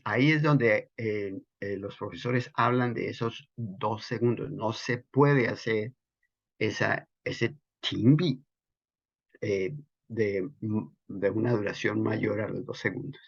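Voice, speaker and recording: A man teaching breathing in qigong practice, patiently explaining and repeating key terms slowly. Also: lowish voice, gravelly, slightly rough, highs cut off. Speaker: qigong instructor. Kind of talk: instructional explanation.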